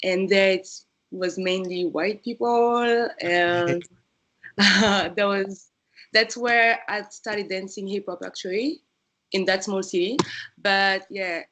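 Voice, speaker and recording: A woman from France, a dance instructor answering interview questions in a soft-spoken, unhurried way. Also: mid-range voice, steady tone, rough recording. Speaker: dance instructor, podcast guest.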